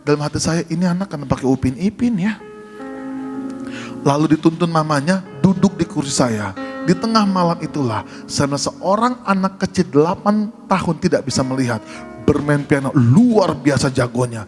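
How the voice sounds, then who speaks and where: Humorous, conversational middle-aged preacher. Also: male voice, fairly high pitch, animated, moderate pace, music in the background. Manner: humorous, conversational, addresses the congregation. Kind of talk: sermon with storytelling.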